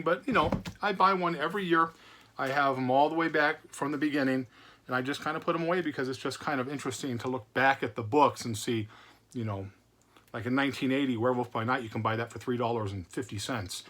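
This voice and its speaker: A man's voice: medium pitch, a bit bright, a little hiss or hum. A man hosting a casual vlog, rambling in a chatty way with repeated words and many fillers. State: recovering from illness. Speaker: comic book channel host. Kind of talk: casual chat to camera.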